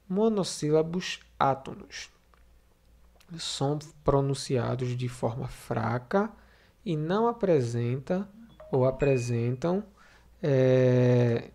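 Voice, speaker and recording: Mellow-voiced man teaching a video lesson. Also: mid-range voice, vocal fry. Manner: explanatory, repeats and recaps terms, frequent fillers. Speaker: Portuguese teacher. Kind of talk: video lesson for sixth graders.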